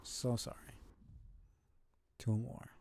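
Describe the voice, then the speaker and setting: A man casually commentates a video game live, musing and muttering to himself at an unhurried pace as he thinks out loud. His tone is warm.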